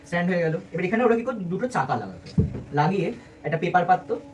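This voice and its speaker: With a high-pitched voice, big swings in pitch, and a fast delivery, a young student presents casually to a few friends in an indoor room. He's chatty, asks them questions, and jokes while explaining; a distant mic catches light room noise.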